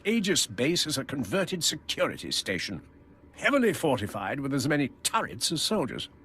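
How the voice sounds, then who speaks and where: A man's voice: mid-range voice, sing-song, normal speed, a bit bright, slight background noise. A man playing a dutiful Imperial military officer in a video game, with a formal briefing manner.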